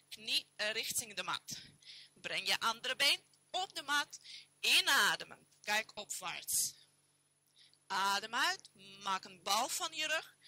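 A woman with a Dutch accent leading a yoga class, giving calm, steady cues timed to the breath. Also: a little high, no echo. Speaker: yoga instructor. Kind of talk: guided yoga class instruction.

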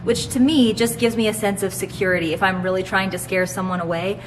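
Female product presenter, 30s, mid-pitched, conversational explainer, recorded in a large warehouse with noticeable ambient noise. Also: fairly even intonation, a little fast, poor audio. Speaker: host presenting her store's products. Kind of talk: product demonstration to camera. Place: large open warehouse, indoors.

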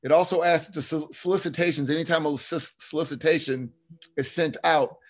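A middle-aged man with a slight lisp and slushy s sounds, presenting testimony in a halting, frank, self-correcting way on a video call. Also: fairly high pitch, fairly even intonation. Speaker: state legislator presenting a bill. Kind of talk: committee testimony, semi-formal explanation.

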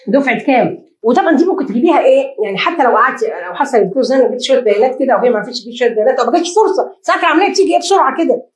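An Egyptian woman lectures quickly in a fairly high voice, firing off rhetorical questions and answering them herself. She slips into little acted dialogues as she goes. The room around her sounds echoey. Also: a little mellow. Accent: Egyptian Arabic. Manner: acts out short dialogues in quick asides. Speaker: lecturer giving marriage advice. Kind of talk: lively lecture to an audience.

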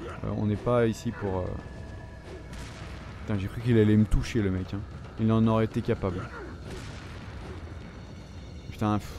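A man's voice: lowish voice, fairly even intonation, a little fast, dark tone, soft background music. A French man commenting on his own gameplay, swearing and reacting as he plays. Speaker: gamer. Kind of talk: let's play commentary. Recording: noisy background.

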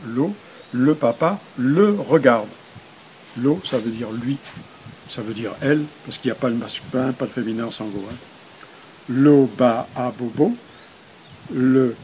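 A man's voice: mid-range voice, a little mellow, a little hiss or hum, rough recording. An older man, a priest, explaining his method for teaching adults to read, patiently sounding out syllables one by one.

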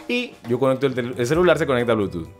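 A man's voice: mid-range voice, big pitch swings, rapid-fire, faint music behind. A young man with a Panamanian Spanish accent, a podcast host and fitness coach telling stories in casual, slangy chat and laughing often.

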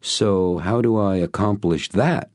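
Man playing an eager, excitable young student. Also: low-pitched, a little slow, no echo, studio quality, voice pushed up. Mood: pleading. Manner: excited, pleading questions.

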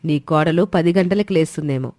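A woman's voice: sits low, brisk, dark tone, no echo, natural voice. Snobbish, sarcastic rich sister in a cartoon story, voiced by a woman, dry close sound. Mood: taunting. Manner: taunting, sarcastic. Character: proud rich middle-aged woman, the sharp-tongued younger sister.

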